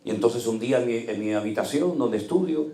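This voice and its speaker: A middle-aged man preaching a sermon as pastor, telling personal stories with strong feeling, swinging from loud exclamations to hushed, quiet moments. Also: medium pitch, lively intonation, fairly quick. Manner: emotional storytelling, rising to loud exclamations and dropping to hushed tones. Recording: echoey room.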